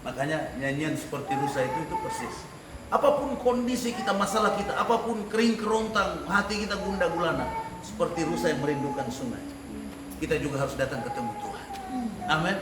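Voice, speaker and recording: A man teaching a church class on leading worship, lively, with rhetorical questions and frequent laughter. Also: on the high side, a little fast. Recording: echoey room, mic far off, noisy.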